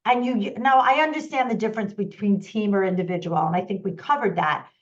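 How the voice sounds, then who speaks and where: A woman's voice: medium pitch, fast. A woman hosting an interview as a parenting coach, enthusiastic, interjecting and repeating the key points. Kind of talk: conversational interview. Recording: slightly dull lo-fi call audio.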